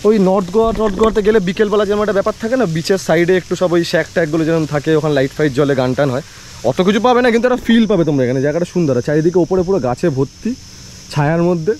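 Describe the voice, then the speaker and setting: A man's voice: high-pitched, very fast, darkish tone. A man with a Bengali accent narrating a casual travel vlog, chatty and repeating phrases for emphasis. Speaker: travel vlogger. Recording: clear background noise, echo in big hall.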